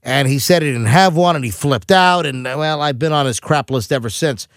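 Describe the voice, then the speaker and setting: A middle-aged man hosting a talk radio show, ranting in a quick, animated monologue full of asides and restarts. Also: fairly high pitch, no echo, studio quality.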